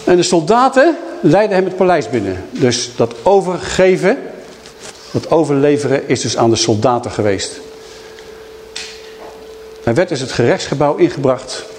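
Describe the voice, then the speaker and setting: Lively, animated preacher man. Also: on the high side, normal speed, long pauses, slight background noise. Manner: lively storytelling, acting out quoted speakers. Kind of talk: sermon teaching.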